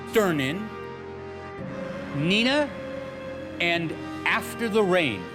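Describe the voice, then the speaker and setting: A man from Los Angeles presenting awards, reading out nominees with joking asides. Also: high voice.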